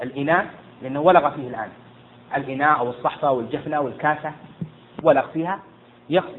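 Fast-talking sheikh quizzing his class. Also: fairly high pitch. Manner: quizzes and hushes students; stumbles and repeats words. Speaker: sheikh teaching jurisprudence. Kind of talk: interactive classroom lesson. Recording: tinny lo-fi with faint noise.

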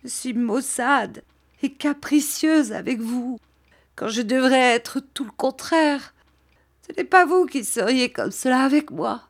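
A woman's voice: high voice, slow, voice pushed up, full character voice. A woman voicing a tearful, remorseful young woman who pleads through sobs in an audiobook. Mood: remorseful sobbing.

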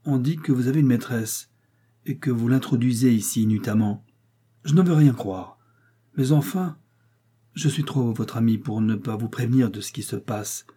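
A man voicing an aging, gentle widow who is secretly in love, speaking with earnest emotion in a storybook reading. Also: medium pitch, moderate pace, husky, natural voice. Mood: earnest warning.

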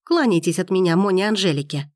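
A woman's voice: lowish voice, animated, fast talker, no echo, clean studio sound, lightly acted. Woman voicing a fiery indignant young heroine. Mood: furious. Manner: heated, accusing, exclaiming.

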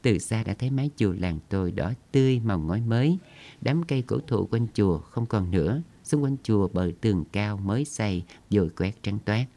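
A man narrates an audio story in a steady, measured way, his voice very low and deep. The reading is scripted and unhurried.

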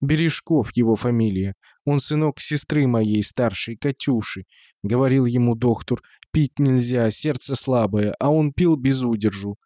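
A man voicing a frail, bedridden old spinster woman who speaks in a creaky, sighing, folksy way. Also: medium pitch, measured pace, warm tone, no room sound, clean studio sound, close to an everyday voice. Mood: grieving.

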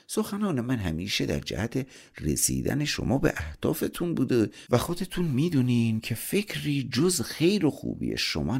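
A scheming devil tempter, smooth and wheedling, pitched well above a gravelly low storyteller's voice, as a man puts him on. Its melody swoops up and down as it coaxes and flatters. It is the voice of a storybook schemer. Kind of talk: audiobook storytelling.

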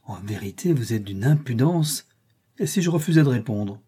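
A man's voice: medium pitch, lively intonation, normal speed, warm tone, husky. A man voicing a haughty, vengeful male former business partner with a resentful manner in an audiobook reading. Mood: bitter.

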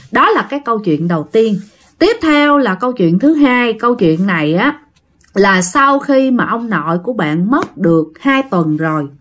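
A woman with a Southern Vietnamese accent, casually narrating a ghost story and speaking straight to her listeners with dramatic emphasis. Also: medium pitch. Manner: animated, addresses listeners directly, dramatic emphasis.

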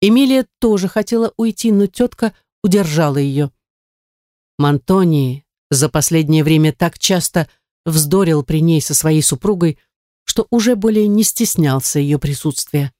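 A woman narrating a classic novel in an even, steady storytelling manner. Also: low-pitched, unhurried, no echo, clean studio sound. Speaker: audiobook narrator.

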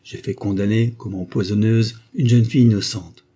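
A man reading a novel aloud, voicing a cold, commanding noble duchess in a raised, forceful voice. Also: fairly low pitch, steady tone, moderate pace, slightly rough. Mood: somber. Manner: stern, commanding, solemn. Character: imperious cold-hearted noble duchess, woman. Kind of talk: audiobook character voice.

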